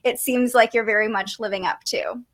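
A woman hosting a podcast, giving a conversational astrology reading in a gentle, explanatory way. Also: a little high, fairly even intonation, normal speed. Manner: gentle, explanatory, with light laughs and fillers.

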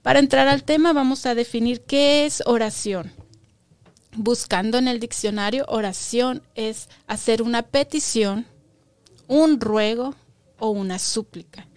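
A woman's voice: a little high, a little slow, a little mellow, clear, resonant tone, no echo. A woman teaching a Bible lesson to children, patiently asking them questions and stressing key words by repeating them.

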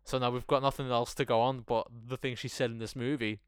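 Young male co-host, smooth clear voice, rambling and hesitant. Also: medium pitch, level tone, quick pace. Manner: rambling, hesitant, recaps plot with fillers. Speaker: podcast co-host. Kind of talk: casual movie review chat.

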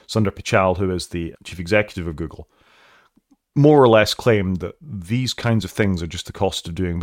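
A Welsh man with a low voice hosts a tech news podcast on his own, chatting casually, tossing in dry asides and often correcting himself. The recording has no echo.

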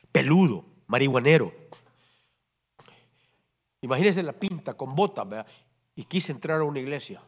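A pastor preaching a sermon to his congregation in church, animated and often asking them to agree. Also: medium pitch. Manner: animated preaching, constantly asks the congregation "¿verdad?". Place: church service before a congregation.

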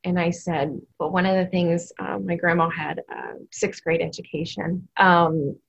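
A woman in her thirties tells a personal story on a podcast, energetic and emotional, tripping over restarts. Her voice is a little husky. The sound is dull and lo-fi. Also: on the low side, measured pace. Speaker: assistant principal.

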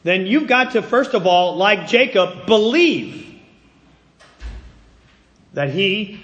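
A man preaching a sermon as pastor, animated, acting out the voices of the figures in the story. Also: sits high, slow, highs cut off. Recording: long hall reverb.

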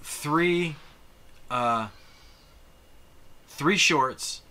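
A man co-hosting a casual film podcast, reading out the plot and cast with pauses and fillers. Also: a little high, sharp tone. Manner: reads out cast list haltingly. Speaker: podcast co-host. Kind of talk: casual chat.

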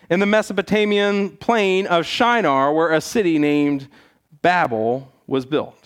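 A male preacher with a notably high voice delivers a church sermon. He is earnest and exhorting, leaning on repetition and rhetorical questions. Key phrases are set apart with emphatic pauses. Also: clean tone.

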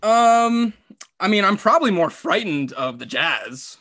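Guy hosting a sports podcast, high bright voice, says like a lot. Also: very animated, a little slow. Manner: rambling, heavy use of "like". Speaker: podcast host. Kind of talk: casual sports chat.

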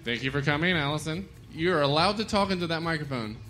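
A man's voice: fairly high pitch, animated, fast talker, sharp tone. A man hosting a live comedy trivia show on a bar stage, joking and laughing between lines. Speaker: game show host. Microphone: stage microphone.

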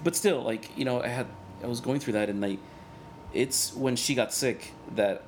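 A Spanish-speaking man in his thirties, a cartoonist and organizer, is the guest in a candid interview. He comes across as earnest and reflective, frequently halting and restarting, in a medium-pitched voice with a faint hiss or hum.

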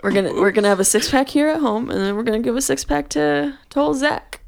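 A woman in easy, casual conversation as a podcast co-host. She giggles a lot and keeps her delivery loose and relaxed. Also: high voice, fast, vocal fry. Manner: giggly, laughs often. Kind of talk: casual chat.

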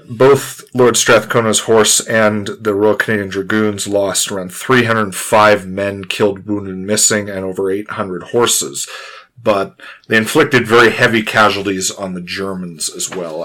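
A man talking through history in a casual but informative way, measured and precise, with careful qualifications. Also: on the low side, a bit bright, low-quality recording. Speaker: history discussion speaker.

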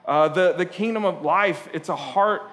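A man's voice: high voice, moderate pace, a bit bright, big-room sound. A man from Portugal preaching a sermon, talking in a conversational, storytelling way with frequent "uh" fillers and asides. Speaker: pastor.

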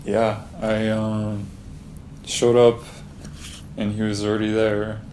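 A man's voice: fairly low pitch, completely flat delivery, takes it slowly, a little mellow, a little hiss or hum. A young man telling a story in casual chat, rambling and full of fillers. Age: young adult.

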